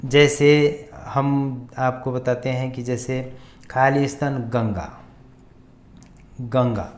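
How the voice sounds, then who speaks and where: A man teaches a grammar lesson in a steady, even voice that barely rises or falls. He moves slowly, sounding out each example word again and again as he writes it out. His pitch sits in an ordinary middle range. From India. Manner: repeats words slowly while writing examples. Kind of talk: slow classroom grammar lesson.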